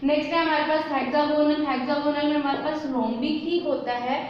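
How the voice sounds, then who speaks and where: High-voiced woman teaching in an echoey room. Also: fairly even intonation, fairly quick, slight background noise. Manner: asks rhetorical questions and answers them herself, repetitive; mixes English terms into Hindi explanation. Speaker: chemistry teacher. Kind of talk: whiteboard lesson. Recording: echoey room, slightly dull.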